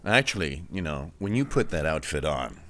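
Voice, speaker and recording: A man's voice: extremely low pitch, big pitch swings, normal speed, fairly bright tone. A man, an actor, giving casual film commentary in a wry, tongue-in-cheek way.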